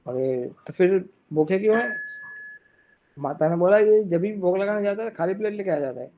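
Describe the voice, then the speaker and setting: A man's voice: sits high, expressive, normal speed, mellow, a little hiss or hum, rough recording. A man telling a religious story in a sermon, slipping in English phrases and acting out the characters' lines. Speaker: speaker giving a religious discourse.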